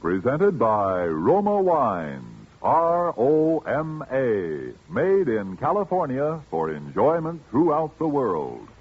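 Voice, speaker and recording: Man, 1940s radio commercial announcer, persuasive sales pitch, husky low voice, dull old broadcast. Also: wildly swooping pitch, slow pace, few pauses, faint music behind.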